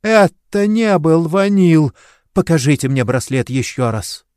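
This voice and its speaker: A man's voice: medium pitch, big pitch swings, normal speed, a little mellow, no room sound, clean studio sound, pitched above the performer's own voice, close to an everyday voice. A man voicing a scheming, haughty princess with a silky, commanding manner. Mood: imperious.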